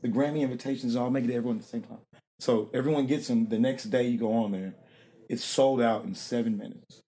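This male interview guest, a rapper and producer, has a mid-range, dark-toned voice that stays steady while he talks quickly. He rambles casually, breaking into frequent laughter and starting sentences over.

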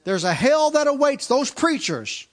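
A man in his fifties preaching a sermon, driving points home with repeated lines and quick restarts. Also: extremely high pitch, big pitch swings. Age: 50s. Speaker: pastor.

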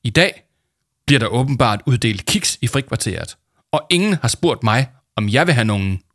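A man's voice: animated, fairly bright tone. A man voicing a big, always-hungry grown man who bellows with dramatic seriousness in a storybook reading. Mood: grave. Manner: booming, dramatic, overly serious. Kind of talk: storybook character voice.

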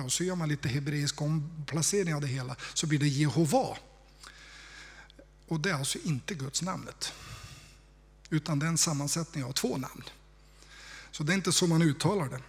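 Male preacher, slightly higher voice, husky, conversational sermon delivery. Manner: conversational, reflective, dropping to hushed tones for emphasis.

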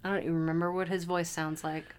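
A woman's voice: fairly low pitch, level tone, quick pace, clear, resonant tone. A woman hosting a podcast, chatting casually, leading the talk and reading out listener questions. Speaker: podcast host. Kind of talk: casual chat.

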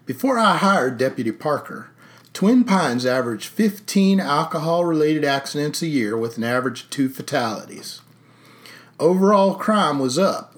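A man's voice: mid-range voice, voice pushed up, lightly acted. A man voicing a sixty-three-year-old small-town sheriff who speaks in a folksy, wry drawl.

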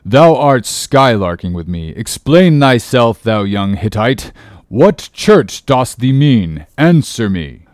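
A man voicing a stern, pious and suspicious old shipowner in an audiobook, hollow-voiced, with drawn-out archaic thee-and-thou speech. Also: lowish voice, expressive, darkish tone, no room sound, studio quality.

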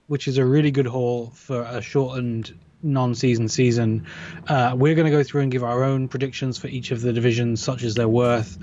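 A man co-hosting a casual podcast chat, heard through a low-quality, lo-fi stream, relaxed and chuckling with stop-start phrasing. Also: normal speed, slight background noise. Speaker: podcast co-host.

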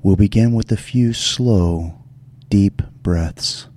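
A man hosting a guided relaxation meditation in a soft, soothing, gentle delivery. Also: lowish voice, slow pace. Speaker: show host.

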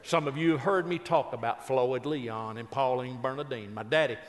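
A man's voice: medium pitch, moderate pace. Folksy man in an echoing hall. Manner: folksy, chatty, teasing the crowd. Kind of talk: stand-up storytelling to a live audience.

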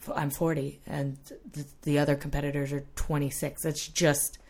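A woman's voice: low voice, little pitch movement, moderate pace, vocal fry, a little mellow. A woman in her thirties hosting a podcast, chatty and laughing often. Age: 30s. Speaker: podcast host. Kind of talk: casual interview chat.

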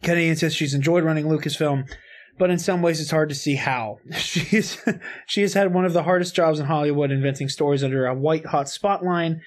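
A man's voice: on the high side, brisk. Joking man reading an article on a podcast. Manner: joking, swears casually. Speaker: podcast co-host. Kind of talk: casual podcast chat, reading an article aloud.

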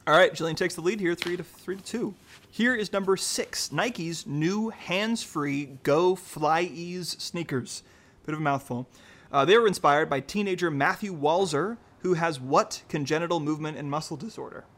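Male trivia host, slightly high voice, chatty and upbeat, slow deliberate question reads. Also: a bit bright. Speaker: quiz host. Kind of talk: casual quiz hosting.

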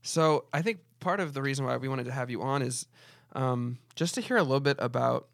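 A man's voice: medium pitch, brisk, vocal fry, fairly bright tone, no room sound, studio quality. A young man hosting a church podcast, chatting with a guest in a friendly way with many fillers. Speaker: podcast host, church staff. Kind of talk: casual podcast interview.

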